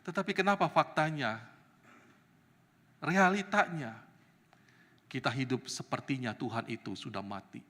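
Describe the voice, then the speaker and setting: A male evangelist preaching a sermon with animated delivery that climbs to loud, emphatic peaks. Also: medium pitch, a little slow, long pauses. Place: church sanctuary. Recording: reverberant church hall.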